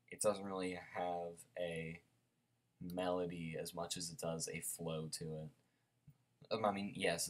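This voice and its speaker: A young man casually reviewing an album, rambling with lots of fillers and restarts, a bit sleepy. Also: deep voice. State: sleepy, yawning.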